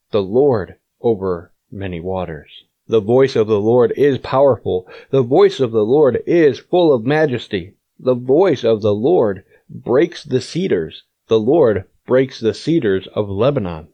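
A man reading scripture aloud in a measured, solemn way. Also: mid-range voice, no echo. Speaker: scripture reader. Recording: dull lo-fi audio.

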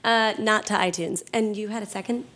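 A woman's voice: medium pitch, fairly even intonation, brisk, fairly bright tone, a little hiss or hum. A woman co-hosting a live event, reading out announcements in an upbeat way with small hesitations. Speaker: co-host. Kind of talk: casual announcements.

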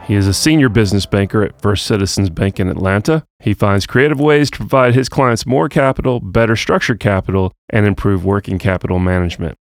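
A man's voice: fairly low pitch, no room sound, studio quality. A man hosting a business interview show, moving from a scripted promotional intro into upbeat casual conversation. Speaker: podcast host.

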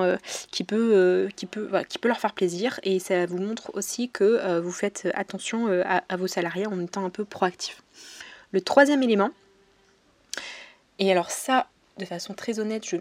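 A woman's voice: mid-range voice, no room sound. Woman giving casual eco advice, dry sound. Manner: hesitant, frequent fillers and restarts, addresses viewers directly. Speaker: presenter giving eco tips to business owners. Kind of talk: informal advice talk to camera.

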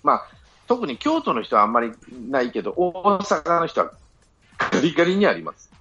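A man's voice: on the high side, huge pitch swings, moderate pace, vocal fry, a bit bright, husky. A man in a casual podcast chat, arguing his points assertively. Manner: assertive, lecturing. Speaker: podcast panelist. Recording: dull lo-fi audio with faint music.

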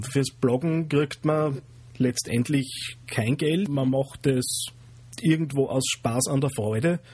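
Husky male podcast host. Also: mid-range voice, a little mellow. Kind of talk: interview questions.

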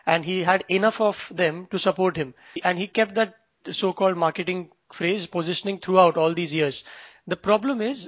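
A man's voice: high-pitched, fairly bright tone, no echo. A man with an Indian accent chatting casually as a podcast co-host, recounting news and opinion.

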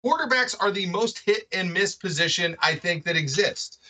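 A man co-hosts a sports podcast in an animated, argumentative way, tossing in "right?" after point after point. His voice is bright and swings widely in pitch, and he sounds set back from the mic. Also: moderate pace, far from the mic. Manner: animated, keeps asking "right?". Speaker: podcast co-host. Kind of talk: casual sports talk.

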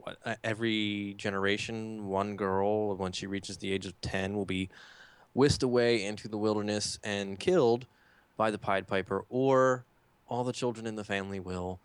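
A man co-hosting a casual podcast, relaxed and joking, with an easygoing delivery. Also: lowish voice, normal speed, clear, resonant tone, no echo. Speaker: podcast co-host. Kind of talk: casual chat.

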